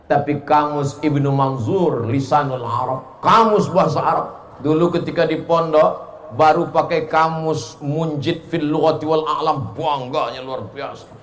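A man preacher giving a humorous religious lecture, animated and joking, often slipping into chuckles. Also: on the high side, a little slow. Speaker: Islamic preacher.

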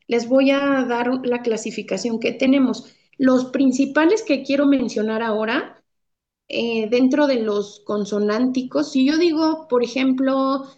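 A woman's voice: high-pitched, darkish tone, highs cut off. A woman guest therapist explaining speech patterns patiently, step by step, in an interview.

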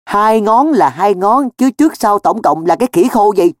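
A man voicing a hot-tempered teenage boy who scolds in sharp, raised outbursts. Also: high voice, lively intonation, rapid-fire, no echo, studio quality, voice pushed up. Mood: angry.

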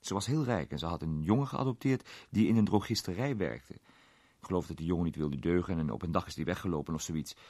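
A man's voice: low voice, no room sound. A man voicing Arthur, an eager young man who stumbles over his words.

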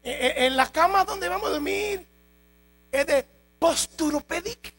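Man doing a whiny young recruit, high pleading voice, gravelly edge, fussy questions. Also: a little slow, fairly bright tone, exaggerated voice. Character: whiny young male recruit pestering his captain.

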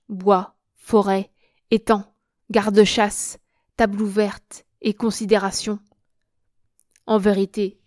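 A menacing male count who robs travellers, voiced by a woman as she reads, declaiming loudly with scorn. The recording is dry and close, with no room sound. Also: medium pitch, dry recording, natural voice. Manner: loud, declaiming. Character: scheming aristocratic male count, bandit, menacing. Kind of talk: audiobook character voice.

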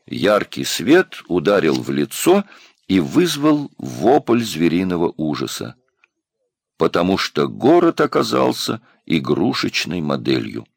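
A man narrating a science fiction audiobook in an expressive storytelling manner. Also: low-pitched, a little slow, gravelly, husky, no room sound, clean studio sound. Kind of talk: scripted narration.

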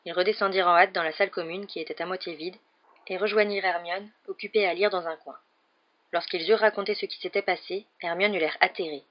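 A woman reads an audiobook at a steady, measured pace, her voice set somewhat low. The recording sounds dull and lo-fi, with little sparkle in the top end. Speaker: audiobook reader. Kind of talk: audiobook narration.

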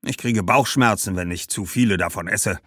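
A man's voice: on the low side, normal speed, a bit bright, no echo, clean studio sound. A man voicing a shrewd, grumbling middle-aged shoemaker who haggles skeptically.

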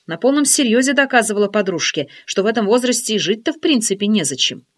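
A woman reads a first-person novel aloud in a calm, wry way. Her pitch sits a little high and moves expressively across each sentence. The delivery is a steady audiobook reading. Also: fast talker. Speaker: audiobook reader.

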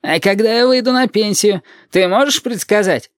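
The reader plays a brash young police officer trying to sound tough, rude and mocking, in an audiobook. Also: male voice, sits high, moderate pace, clean tone, no echo, clean studio sound, voice pushed up, close to an everyday voice. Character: young blond cop trying to act tough.

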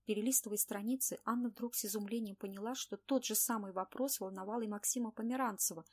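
Woman narrating audiobook, steady, mid pitch. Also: quick pace.

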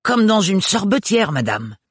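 A man voicing a vain, spoiled young woman who talks in a shrill, drawn-out, whiny way. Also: very animated, breathy edge, dry recording, studio quality, full character voice. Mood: gushing.

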